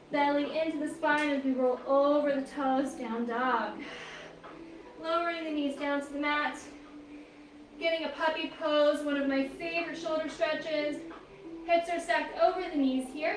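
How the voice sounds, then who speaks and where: A woman teaching a yoga class, giving calm, encouraging cues and counting poses aloud, a little out of breath. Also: high voice, a little slow. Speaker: yoga instructor. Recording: echoey room, mic at a distance, faint noise.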